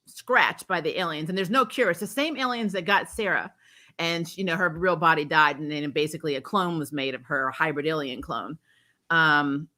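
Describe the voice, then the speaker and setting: Her mid-range voice sounds pushed and bright as she hosts a laid-back TV recap livestream. She giggles, rambles, and keeps correcting herself while acting out quotes during her chatty rundown of the episode.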